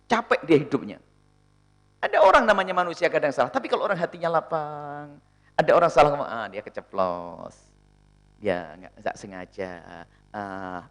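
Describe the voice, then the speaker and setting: A man's voice: a little high, a bit bright. A man preaching in a sermon, answering a question and acting out little dialogues in different voices as he goes.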